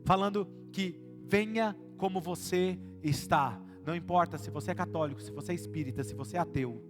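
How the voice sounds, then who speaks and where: A man's voice: high voice, a little fast, in a large hall. A man with a Brazilian Portuguese accent, a pastor preaching a sermon to a live congregation in a conversational way, throwing questions at the crowd. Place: church service before a live congregation. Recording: live sermon with loud music behind.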